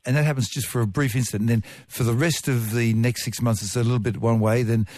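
A man explains science to callers on a radio call-in show. He jokes as he goes, his voice recorded dry and close in the studio, at an ordinary middle pitch. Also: fairly even intonation, fast talker, darkish tone, no room sound. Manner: playful, jokey explainer. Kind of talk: casual radio Q&A.

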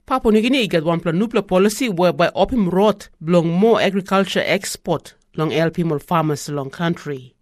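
Higher-pitched Melanesian man reading news, dry studio. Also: fairly quick, hardly any pauses, no room sound. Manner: speaks Melanesian Pidgin. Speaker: radio news presenter.

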